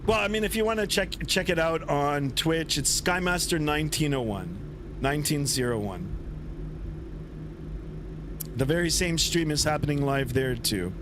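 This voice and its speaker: A man with a slightly raised voice chats easily with his viewers as he flies a simulator. His talk is loose and friendly, full of asides. There is clear background noise from his setup. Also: fairly high pitch, animated, moderate pace. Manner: chatty, talks to viewers between radio calls. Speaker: flight sim streamer. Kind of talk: casual livestream chat.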